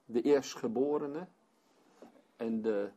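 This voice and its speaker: A man's voice: mid-range voice, takes it slowly, mellow. A man leading a Bible study for a small group, reading scripture aloud and then explaining it as he thinks aloud.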